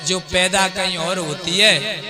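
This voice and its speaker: High-voiced man preaching devotional stories. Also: takes it slowly. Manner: emotional, addresses listeners as brother. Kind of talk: devotional storytelling sermon with sung verses. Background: devotional music.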